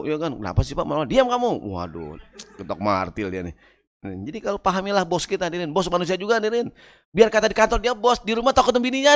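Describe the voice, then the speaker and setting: A male preacher gives an animated, joking sermon. He chants Arabic verses and acts out little voices. His speech leaps between high exclamations and low asides. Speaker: Islamic preacher. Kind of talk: lively humorous sermon.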